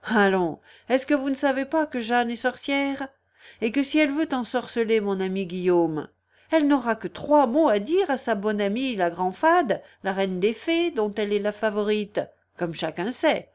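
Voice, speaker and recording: A witty young libertine, as a woman reader puts him on, teasing and ironic. His lines come lively and pointed. It is read from a storybook. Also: fairly high pitch, normal speed, close to an everyday voice.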